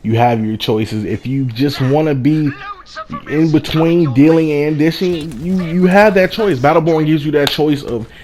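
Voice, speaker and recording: This man's voice is fairly high and a little mellow, and he speaks a little slowly over background noise. In a relaxed first-impressions review of a game, he keeps restating and rewording points to drive them home.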